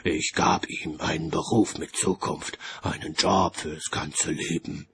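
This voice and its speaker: A man voicing Death, an ancient, cold, skeletal male reaper, in a very deep, slow and measured delivery for an audiobook. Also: little pitch movement, a bit bright, breathy edge, heavily acted. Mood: cold, aggrieved. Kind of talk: audiobook character voice.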